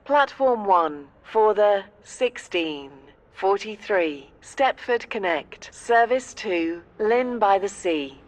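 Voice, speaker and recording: A woman giving an automated train station announcement in a slow, even, measured delivery. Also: mid-range voice.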